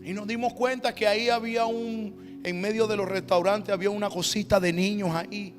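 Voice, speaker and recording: High-voiced pastor preaching. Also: male voice, steady tone, fairly quick. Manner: storytelling, building to loud emphatic calls. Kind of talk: sermon with personal story. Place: church hall. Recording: reverberant church hall with soft music.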